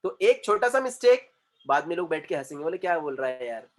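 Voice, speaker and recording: A man's voice: a little high, big pitch swings, fast. A man teaching English pronunciation in a classroom-style lesson, emphatic and repeating words to drill them, switching between Hindi and English.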